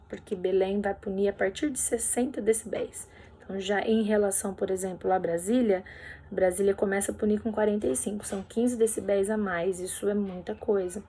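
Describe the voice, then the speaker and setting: A woman's voice: medium pitch, warm tone. A woman teacher going over workbook answers in a recorded lesson, explaining patiently step by step and checking in with tag questions.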